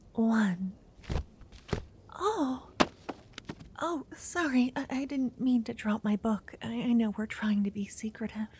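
A woman's voice: medium pitch, slightly rough. A woman voicing a shy, nervous young noblewoman in a whispered roleplay, stammering now and then. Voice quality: soft whisper. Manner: hesitant, stammering.

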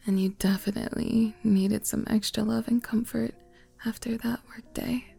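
A woman plays a doting, flirty, motherly figure in an ASMR role-play, very close, as if right in your ear. The voice is mellow and breathy, unhurried and coaxing, with faint music behind it. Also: a little high, flat delivery, full character voice. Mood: tender, soothing. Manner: intimate close-up soft-spoken, as if right in the listener's ear; slow, coaxing, soft giggles.

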